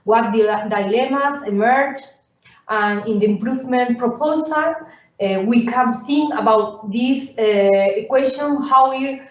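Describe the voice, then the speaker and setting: A woman giving an academic workshop presentation, halting and full of fillers and restarts. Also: a little high. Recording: roomy, distant, dull sound.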